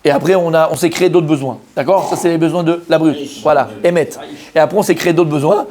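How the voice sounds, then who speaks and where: Rabbin à la voix haute, très animé. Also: male voice, a little high, quick pace. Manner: animated, addresses listeners directly, mixes Hebrew terms into French. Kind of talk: Torah lesson, lively sermon.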